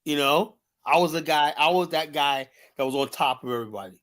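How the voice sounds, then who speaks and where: An American live-stream host talks a little fast in a high-leaning, somewhat bright voice. He argues combatively, speaks bluntly with profanity, and peppers everything with "you know."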